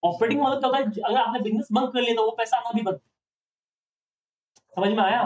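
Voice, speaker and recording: A male accounting teacher lecturing a classroom, often pausing to ask students questions to check they follow. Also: very high-pitched, far from the mic.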